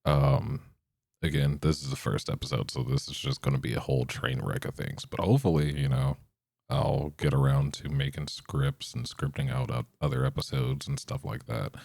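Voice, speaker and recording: A young man talks on his solo podcast in a flat monotone, drifting from thought to thought with plenty of ums and restarts. His voice sits extremely low and gravelly, and he speaks slowly. The recording is dry and close. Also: no room sound. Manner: monotone, rambling with fillers. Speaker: podcast host. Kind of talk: unscripted solo podcast rambling.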